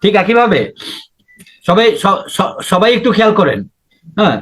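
A man with a Bangladeshi accent teaching an English listening class, drilling words by saying them slowly again and again. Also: sits high, expressive, a bit bright, breathy edge. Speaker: IELTS teacher. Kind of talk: classroom lesson.

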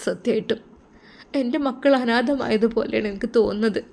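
A woman's voice: fairly high pitch, a little fast, gravelly, darkish tone. A woman voicing a grieving adult man, an abandoned father who is crying, with a sorrowful, pleading manner in a storybook. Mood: tearful. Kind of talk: storybook narration.

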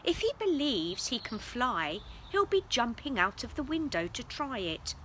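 A woman voicing a rather old, very wise female cat in a storybook reading, speaking slowly and knowingly. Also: on the high side, very animated, a bit bright, a little hiss or hum.

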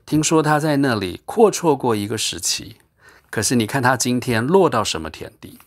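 A man's voice: mid-range voice, expressive, moderate pace. A man reading a curt, cold ship captain. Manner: curt, dismissive. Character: cold, impatient middle-aged ship captain.

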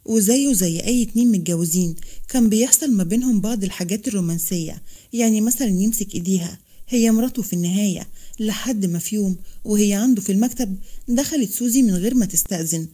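A woman with an Egyptian accent tells a romance story at a quick clip, her voice soft and mellow. Her delivery is brisk and lively. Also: medium pitch. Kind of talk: storybook narration.

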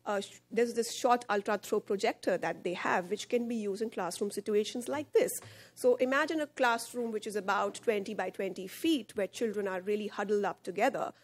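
A woman who heads partnerships at a charity presents from a podium on a conference hall stage, speaking into the podium microphone. Her medium-pitched delivery is explanatory, with frequent fillers, and she gestures while she talks.

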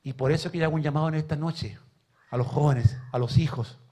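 A man preaching a sermon in a church, telling stories with emotion and swinging from soft to loud. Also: a little high, steady tone, fairly quick. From Chile.

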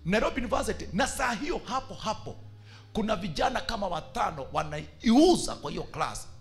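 Preacher man, high bright voice, swoops around a lot, soft music behind. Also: fairly quick. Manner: animated preaching, mixing Swahili and English. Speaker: bishop. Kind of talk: sermon.

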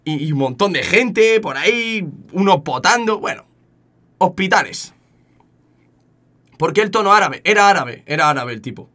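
A young man with an accent from Spain, telling a story casually to his chat, animated and often repeating words. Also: high voice, moderate pace, pauses often. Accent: Spain Spanish. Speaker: streamer.

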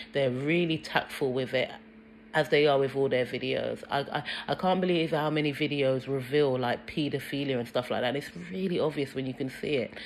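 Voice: medium pitch, a little hiss or hum, low-quality recording. A speaker with a British accent giving earnest, insistent commentary over a music video, with frequent ums and repeated words.

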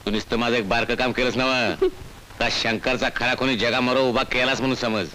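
A man's voice: medium pitch, fairly even intonation, a little fast, a crowd in the background, lightly acted, poor audio. An actor playing a scheming older village man who gives coaxing, rustic instructions. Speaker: film character. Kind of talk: 1980s film acting.

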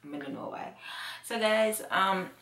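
A woman's voice: mid-range voice, expressive, measured pace, vocal fry, fairly bright tone. A woman with a Jamaican accent chatting casually to her vlog audience, rambling and repeating herself. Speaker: vlogger. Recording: echoey room.

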